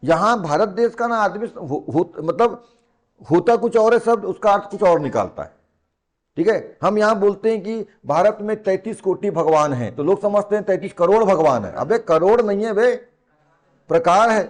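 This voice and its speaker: A man's voice: sits high, animated, normal speed. A man from teaching a lesson in a classroom, colloquial and teasing, who repeats key words and throws rhetorical questions at his students. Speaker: coaching teacher. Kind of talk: classroom lecture.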